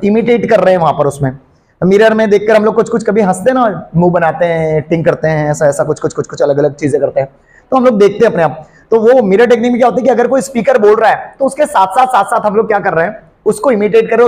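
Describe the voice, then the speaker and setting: A man teaching a class, lively and urging his students on. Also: high voice, fast talker. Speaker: English teacher. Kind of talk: classroom lesson.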